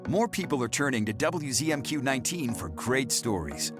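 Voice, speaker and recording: A man's voice: medium pitch, sing-song, moderate pace. Male American announcer, swooping mid-range delivery for a scripted TV promo, music bed.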